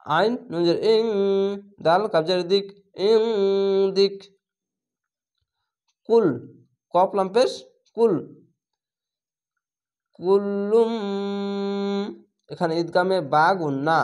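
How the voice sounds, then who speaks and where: A man teaching Quran reading, spelling out each letter and vowel mark, then blending the syllables into a drawn-out chanted word, with a Bangladeshi Bengali accent. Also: high voice. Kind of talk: spelling-out Quran recitation lesson.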